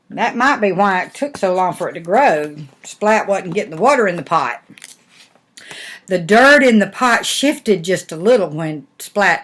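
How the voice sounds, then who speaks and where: Grandmotherly older woman, Southern US accent, slow folksy picture-book read-aloud with chatty asides, medium pitch. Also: a bit bright.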